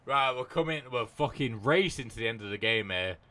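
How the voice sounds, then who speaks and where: A young man giving casual commentary on a football management game, swearing freely and shouting at big moments. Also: medium pitch, animated, brisk. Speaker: gaming commentator.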